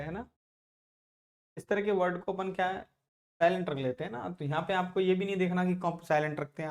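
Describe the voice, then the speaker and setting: A man with a Rajasthani accent teaching an English lesson, slowly repeating words and drawing out their pronunciation. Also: fairly high pitch. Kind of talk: classroom lesson.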